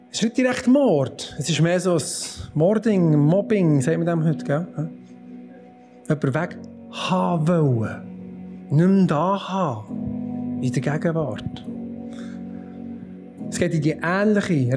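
A man preaching a sermon as pastor with a Swiss German accent, telling the story in a lively, animated way with sudden loud outbursts. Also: on the high side.

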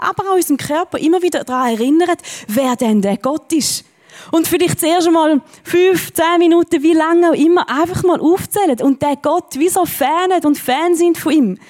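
A woman's voice: high-pitched, dark tone. A woman preaching a sermon from a church stage, earnest and encouraging, with emphatic rises in her voice.

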